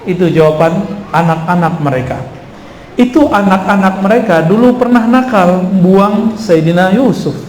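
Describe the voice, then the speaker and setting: A man's voice: high-pitched, expressive, moderate pace, darkish tone. A man giving an Islamic study talk to a live audience, conversational and quizzing his listeners. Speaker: preacher. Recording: echoey hall with faint noise.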